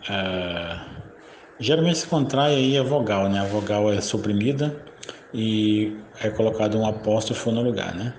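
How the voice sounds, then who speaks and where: A man's voice: fairly low pitch, unhurried, darkish tone, slight background noise. A man teaching a recorded grammar lesson, explaining step by step with frequent checking tags. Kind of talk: recorded English grammar lecture. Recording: echoey room with faint ambience.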